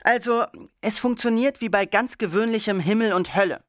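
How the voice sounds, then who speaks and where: An excited young schoolgirl , as the audiobook reader puts her on pipes up to show her friends a paper puppet. Her voice sits higher than the narration and bubbles with eagerness. The recording is dry and close, with no room sound. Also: normal speed, no echo, close to an everyday voice. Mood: eager.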